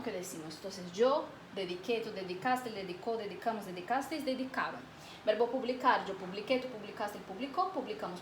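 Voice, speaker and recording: Patient woman teacher, roomy echo. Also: on the high side. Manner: patient, drills conjugations slowly, checks in with "¿ok?". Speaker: Spanish teacher. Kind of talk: video lesson. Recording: roomy echo, faint background hiss.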